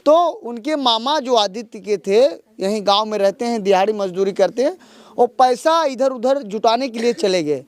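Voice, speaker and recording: Casting male field reporter, high voice, dry close sound, pressing questions. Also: normal speed, dry recording. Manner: questioning, then urgent accusatory report. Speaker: local news reporter. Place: outdoors in a village.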